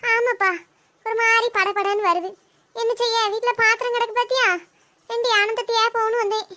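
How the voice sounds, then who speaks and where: A woman voicing a long-suffering older mother-in-law in a family comedy skit, slow and guilt-tripping. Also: very high voice, little pitch movement, sharp tone. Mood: sighing.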